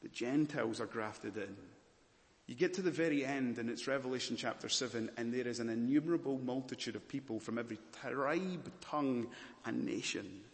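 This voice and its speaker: A man preaches a sermon, building from hushed pauses to soaring climaxes. His voice sits in a middle pitch for a man. It rings out with a long reverb in a large church hall. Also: vocal fry. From Malawi. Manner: dynamic preaching with dramatic pauses and swells. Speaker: pastor.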